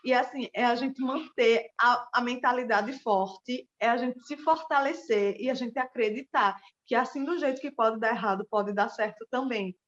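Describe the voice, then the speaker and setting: The woman speaks at a moderate pace with few pauses, her high-leaning voice fairly bright in tone despite dull audio. A pole dance instructor who runs a small business, she earnestly gives a personal testimony aimed directly at her listeners.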